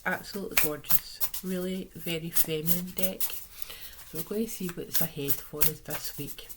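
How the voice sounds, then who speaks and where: A Scottish woman with a hoarse, sore-throat voice, chatting casually through a tarot reading in a rambling, conversational way. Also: deep voice, steady tone, normal speed, heavy background noise.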